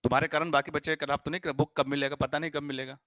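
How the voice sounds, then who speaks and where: Male online tutor, fairly high voice, dry close sound, animated and stern. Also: rapid-fire, dry recording. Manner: animated, scolding, playful memory tricks. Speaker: teacher. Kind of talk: live online class.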